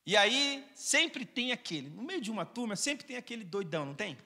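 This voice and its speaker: A man's voice: high voice, sing-song, brisk, pushed and bright. A male pastor preaching a sermon, calling out questions to the congregation and to viewers at home. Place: church hall. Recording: church hall reverb.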